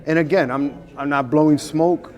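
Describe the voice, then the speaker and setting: A man's voice: a little high, fairly even intonation, moderate pace, darkish tone, soft background music. A man hosting a podcast, chatting casually with an informal, chummy manner. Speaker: podcast host. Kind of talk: casual interview chat.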